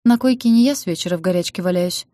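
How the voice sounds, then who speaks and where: A snappy young woman with a sarcastic edge, as the reader voices her. Her tone is low and mellow, in a very dry recording. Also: fairly quick, dry recording, natural voice. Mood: sharp. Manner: sharp, sarcastic.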